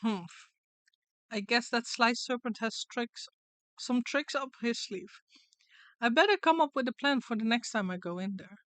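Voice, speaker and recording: A woman's voice: a little high, measured pace, fairly bright tone, no echo. Woman playing a sassy, sceptical game adventurer. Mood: indignant. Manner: sassy, blunt. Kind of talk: reading video game dialogue in character.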